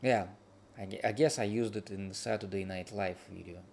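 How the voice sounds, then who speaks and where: A tired man chatting casually as he reacts to a video, in halting, drifting phrases. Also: fairly low pitch, fairly even intonation, gravelly, a little mellow, slightly rough. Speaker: streamer reacting to a video review. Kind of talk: casual late-night reaction chat.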